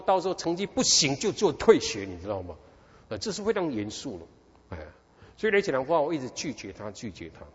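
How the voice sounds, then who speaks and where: Animated preacher man in a hall. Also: medium pitch. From Taiwan. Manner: animated storytelling, constant rhetorical questions. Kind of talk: sermon with personal testimony. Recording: dull recording in a reverberant hall.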